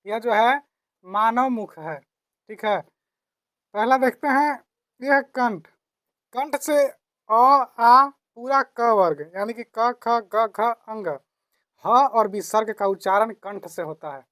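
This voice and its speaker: Woman teacher, slow drilling delivery with repeated phrases and self-answered questions; fairly high voice, dry close sound. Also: fairly bright tone, no room sound. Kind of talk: explaining grammar lesson.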